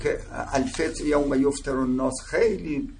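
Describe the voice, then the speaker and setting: A man's voice: mid-range voice, darkish tone. A man teaching a seminary class, explaining step by step and often checking that his students follow. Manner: explaining with frequent checks "درست شد؟". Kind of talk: religious seminary lecture. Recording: echoey room with faint ambient noise.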